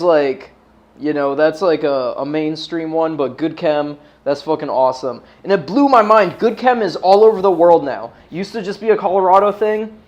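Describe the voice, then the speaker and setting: Hosting a laid-back livestream, an American man speaks in a slightly high voice, loose and stoner-ish, packed with slang and frequent swearing.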